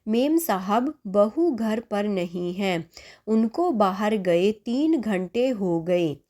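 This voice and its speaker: A woman's voice: medium pitch, expressive, very slow. A woman doing a timid old male servant. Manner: quiet, deferential.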